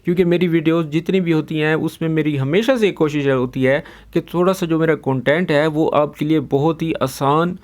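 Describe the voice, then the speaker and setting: A man's voice: on the high side, normal speed, hardly any pauses, a little mellow. A young man, teaching a casual language lesson and patiently repeating each word several times. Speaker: Arabic teacher.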